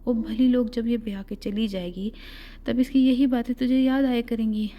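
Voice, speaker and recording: A woman's voice: a little high, fairly even intonation, highs cut off, close to an everyday voice. A woman voicing a stern but loving rural landlord father in an audiobook story, speaking with fatherly affection and teasing. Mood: fond.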